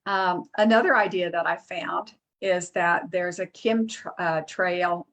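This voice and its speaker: A woman presenting a product in a casual, halting way, with many fillers and restarts, reading lists off a screen. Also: on the low side, creaky, fairly bright tone. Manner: reads lists aloud off a screen.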